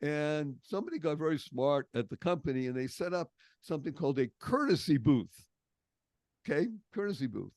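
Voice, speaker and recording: A man's voice: on the high side, very animated, a little fast, darkish tone, dry recording. An older man from the Boston area with a Boston accent, a podcast guest telling stories expressively and stressing key words. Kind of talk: storytelling interview.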